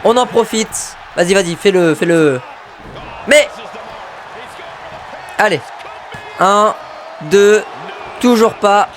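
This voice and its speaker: Excitable high-voiced male game commentator. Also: takes it slowly, long pauses, a faint crowd, slight background noise. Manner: excitable, bursts into shouts at big moves, mutters asides to himself. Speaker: gamer commentating his own wrestling video game match.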